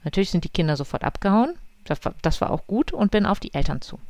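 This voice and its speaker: A woman chatting straight to her viewers from a forest walk, retelling something that happened to her. She acts out what each person said with lively changes in her voice. Her voice is mid-pitched and sounds close and dry, with no room echo. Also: fast. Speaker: vlogger. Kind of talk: casual personal storytelling to viewers. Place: outdoors in a forest.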